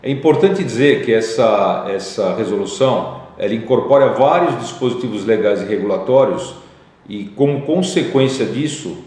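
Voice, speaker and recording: In a very echoey room, a company executive with a Brazilian Portuguese accent methodically explains regulations, walking through the legal text step by step and using fillers. His voice is lowish and darkish in tone, expressive, at a normal pace.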